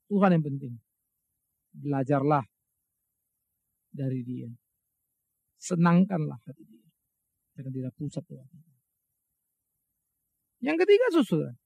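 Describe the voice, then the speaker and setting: A middle-aged pastor delivers an emphatic sermon in a high, gravelly, slightly rough voice, posing rhetorical questions and answering them himself. He speaks directly and colloquially to his listeners, calling them brothers and sisters and tossing in asides. The recording is muffled, slightly lo-fi, and dry with no echo.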